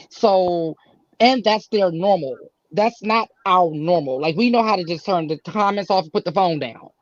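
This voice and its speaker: A woman guest on a casual panel talk show, chatting and reacting with quick interjections. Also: fairly low pitch, no room sound. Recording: dry, dull lo-fi sound.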